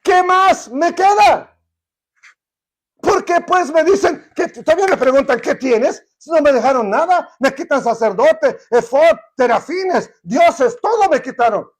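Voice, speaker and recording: A man's voice: very high voice, expressive, unhurried, voice pushed up. A man voicing an aggrieved man who has been robbed of his idols, complaining in exasperation during a Bible lesson. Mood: indignant.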